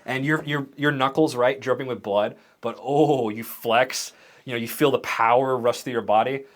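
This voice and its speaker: A man running a tabletop game as game master, narrating the scenes in a vivid, animated way. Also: medium pitch, normal speed.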